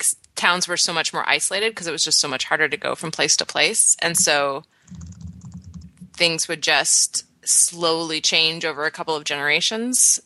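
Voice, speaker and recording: Bright-voiced Canadian woman, chatty. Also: deep voice, no room sound. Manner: chatty, explains with quick asides and laughs. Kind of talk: casual podcast chat.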